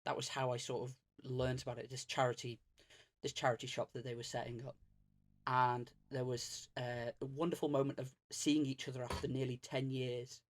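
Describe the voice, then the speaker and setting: On a streamer's casual podcast, a Greater Manchester guest speaks at a moderate pace in a mid-range voice with little pitch movement. His chat rambles and turns self-deprecating, with lots of fillers and restarts.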